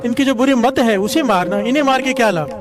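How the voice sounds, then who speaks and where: A man's voice: very high voice, fast, crowd noise. A man preaching a devotional sermon, telling a story and often calling out a chant for the congregation to repeat. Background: devotional music.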